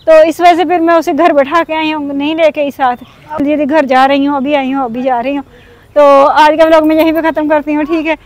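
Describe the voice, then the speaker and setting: A woman in her thirties from Pakistan speaks straight to her viewers in a high voice. She sounds aggrieved and earnest, like a mother venting to her audience. She is recorded outdoors in a village setting, with animal sounds behind her. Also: steady tone, fairly quick, no echo. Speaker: vlogger. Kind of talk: casual vlog talk.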